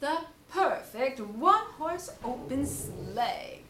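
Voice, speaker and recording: A woman's voice: sits high, big pitch swings, slow pace, a bit bright, heavily acted. A woman voicing a learned, pompous male owl from a storybook, with emphatic, pronouncing delivery. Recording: roomy, distant mic, faint background noise.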